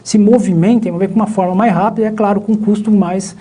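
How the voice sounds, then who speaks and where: Brazilian guy professor, dark mellow tone, lots of restarts, chatty live lecture. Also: high voice, steady tone, fast talker. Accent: Brazilian Portuguese. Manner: rambling, many restarts and fillers. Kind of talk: live online lecture chat.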